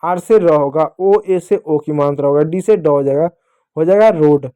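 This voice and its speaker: A man's voice: a little high, measured pace, mellow, smooth. A man teaching children to spell English words letter by letter, repeating each answer. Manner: addresses the class as children. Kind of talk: spelling lesson for kids.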